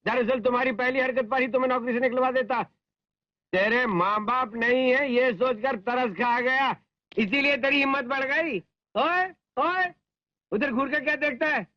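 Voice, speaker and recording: A man's voice: very high-pitched, normal speed, no room sound. A man dubbing a blustering, cowardly, lecherous comic villain in a film. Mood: boastful. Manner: boastful, then whining and pleading. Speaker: dubbing actor. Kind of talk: Hindi film dub. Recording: dull film soundtrack with music.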